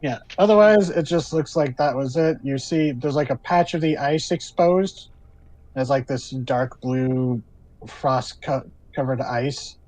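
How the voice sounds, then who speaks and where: A man's voice: medium pitch, unhurried, a little mellow, dry recording, low-quality recording. Male game master narrating a tabletop session.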